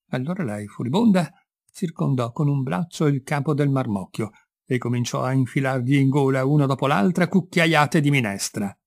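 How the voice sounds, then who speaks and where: A male storyteller who reads a classic tale with expressive, dramatic phrasing. His voice is gravelly and mid-pitched. The recording is dry and close, with no room sound. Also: dry recording. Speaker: reader. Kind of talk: storytelling narration.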